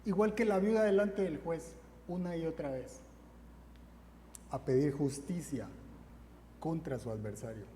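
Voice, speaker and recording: A man's voice: a little high, a little slow, pauses often, warm tone. A man preaching a sermon, fervent and repetitive, driving his points home with refrains. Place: church hall. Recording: echoey hall, faint ambient noise.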